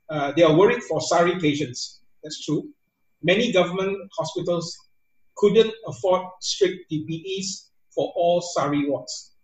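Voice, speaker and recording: A man moderating a webinar panel, joking and teasing between hesitations. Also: fairly high pitch. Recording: roomy, distant video call mic.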